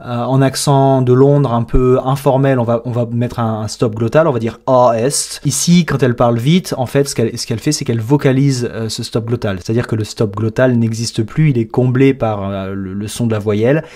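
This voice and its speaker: A man's voice: medium pitch, a little fast, hardly any pauses, dark tone. A French-speaking man coaching English pronunciation, breaking down each sound step by step in an explanatory lesson.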